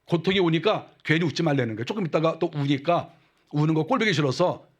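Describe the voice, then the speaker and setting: A middle-aged male pastor preaching a sermon in a conversational way, dropping into a lower voice to act out mocking quotes. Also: lively intonation, quick pace.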